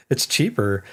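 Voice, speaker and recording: A man's voice: a little high, slightly rough. A man co-hosting a casual live stream, joking and laughing often. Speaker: co-host. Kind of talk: casual chat.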